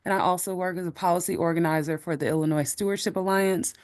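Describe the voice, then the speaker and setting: Out-of-breath woman, low smooth voice, earnest webinar question. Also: steady tone, quick pace, a little mellow. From Chicago. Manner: earnest, explains at length with many ums. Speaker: audience member asking a question.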